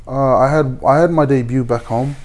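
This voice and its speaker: A man in his twenties from Samoa, a guest pro boxer, talking in a halting way with many fillers and restarts. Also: mid-range voice, fairly even intonation, a little mellow. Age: 20s. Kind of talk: casual interview.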